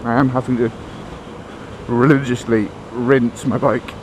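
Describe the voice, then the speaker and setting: A man's voice: mid-range voice, little pitch movement, a little slow, noisy background. A man chatting casually while riding a motorbike, talking into a helmet mic in a waffly, self-deprecating way. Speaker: motorcycle vlogger. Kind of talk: casual rambling chat.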